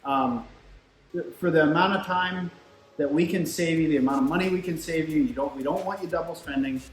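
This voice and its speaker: A man's voice: on the high side, fairly quick, slight background noise. A man in casual, explanatory technical shop talk, speaking conversationally as a product expert, with machines running behind him. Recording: roomy echo, music, machinery behind. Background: shop machines running in the background.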